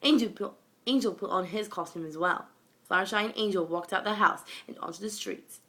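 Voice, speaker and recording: In a medium-pitched, bright, forceful voice, a young woman, perhaps school age, reads a scripted story fairly quickly and dramatically in an amateur way. It's fan fiction, recorded on a phone at home.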